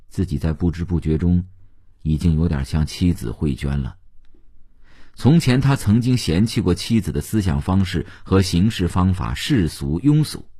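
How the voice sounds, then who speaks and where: A middle-aged man narrating an audiobook in an expressive storyteller's manner, with a husky voice. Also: sits low.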